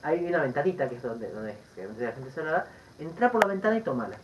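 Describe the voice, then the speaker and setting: A Buddhist teacher voicing a timid, frightened old monk in a story. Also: male voice, on the high side, very animated, fast talker, recorded from a distance, noisy background. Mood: asustado. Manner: anxious pleading.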